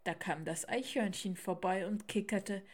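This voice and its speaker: A woman reading a children's storybook aloud in an expressive, unhurried way. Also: medium pitch.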